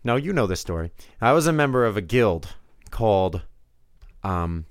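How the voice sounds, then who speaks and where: A man's voice: lowish voice, big pitch swings, moderate pace, no echo, studio quality. A man co-hosting a podcast, chatting casually and telling stories. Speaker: podcast co-host. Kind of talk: casual chat, storytelling.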